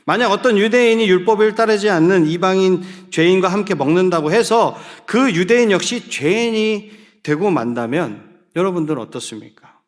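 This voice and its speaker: Youth pastor guy giving a sermon, high voice that bounces all over, keeps asking the kids questions. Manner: questions the listeners and calls for group readings. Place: church.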